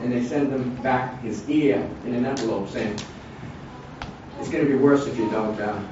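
A man's voice: medium pitch, fairly even intonation, normal speed, very echoey. A man in his sixties leading an informal Bible study, rambling with many restarts and asides. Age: 60s. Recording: distant, dull, noisy room recording.

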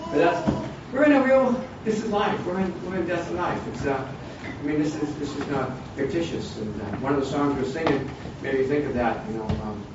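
Older man in his sixties, Bible study leader, rambling delivery, slightly high voice, recorded from far off in a very echoey room. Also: expressive, a little fast, hardly any pauses. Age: 60s. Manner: rambling, with frequent restarts and asides. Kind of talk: informal Bible study talk. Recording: distant, dull, noisy room recording.

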